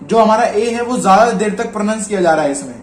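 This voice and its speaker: A man with an Indian Hindi accent, teaching a shorthand lesson in a casual, patient way and repeating example words slowly. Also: high-pitched, animated, a little hiss or hum.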